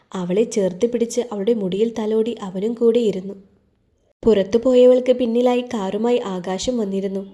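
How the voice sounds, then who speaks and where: A woman reading a romantic story aloud as a storyteller, in a calm, even narration. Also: mid-range voice.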